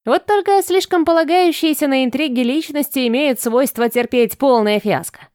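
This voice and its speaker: A woman's voice: high voice, moderate pace, darkish tone, no room sound, clean studio sound, lightly acted. A woman voicing a cocky male goblin trickster who talks in a mocking, boastful way.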